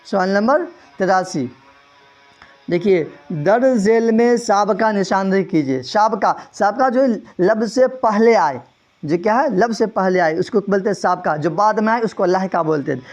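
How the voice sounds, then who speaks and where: A man's voice: high-pitched, soft background music. A man teaching an exam-prep quiz lesson. He reads out the answer options and repeats each question to his students.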